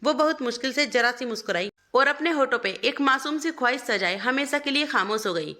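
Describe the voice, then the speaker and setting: A woman narrating an emotional story in an earnest, steady storybook style. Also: sits high, fairly quick.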